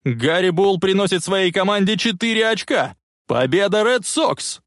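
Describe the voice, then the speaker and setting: A man voicing an excited radio sports announcer giving play-by-play. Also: high voice, normal speed, no echo, studio quality, pitched above the performer's own voice.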